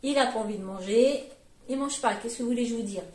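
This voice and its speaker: She talks fast in a slightly high, slightly mellow voice, a forties-aged vlogging mom going over groceries she bought. Her casual chat wanders, heavy with fillers and self-corrections, and the space around her echoes.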